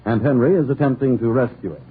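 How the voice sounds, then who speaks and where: A fast-talking 1940s radio announcer with a mid-range voice tells a story in a polished, theatrical, emphatic style. The old radio recording sounds tinny and hissy.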